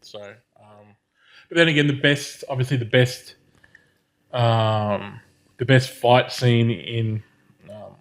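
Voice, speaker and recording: Speaking slowly with long pauses at medium pitch, this man co-hosts a podcast and discusses films casually. His talk rambles, full of fillers and restarts.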